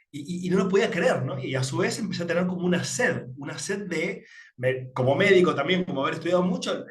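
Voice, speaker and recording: Reflective Argentine man with a roomy echo. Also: on the high side. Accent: Argentine Spanish. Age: 40s. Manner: reflective, with frequent filler tags and repetitions. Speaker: spiritual teacher. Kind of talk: personal storytelling in a workshop.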